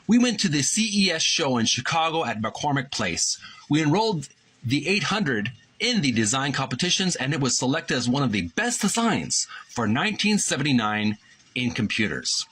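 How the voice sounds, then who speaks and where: Speaking at medium pitch with a sharp, slightly rough tone, a male channel host reads book passages aloud and comments on them as he goes. He sometimes trips over words and fixes them.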